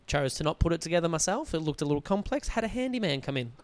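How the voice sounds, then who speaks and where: A man's voice: fairly high pitch, big pitch swings, racing, dry recording. A man co-hosting a casual chat show, rambling and self-deprecating with lots of restarts. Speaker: podcast co-host.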